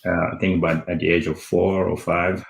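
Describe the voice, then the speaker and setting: A very low-voiced man from Senegal answers questions as a guest on an interview show. He talks in a relaxed, halting way, with many pauses and fillers. His voice sounds echoey, as if in a reverberant room. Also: creaky. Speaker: guest, company CEO.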